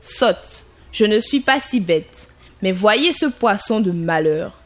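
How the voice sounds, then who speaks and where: A woman's voice: medium pitch, expressive, slow pace, faint music behind. Grumpy old dwarf, read by a woman. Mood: grumbling scornful. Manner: scolding, insulting. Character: grumpy wrinkled old male dwarf, rude and ungrateful.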